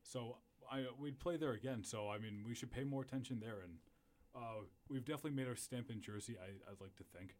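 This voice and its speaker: A man in a band, calmly recounting the band's history in a relaxed interview. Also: mid-range voice, a little fast. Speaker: band member.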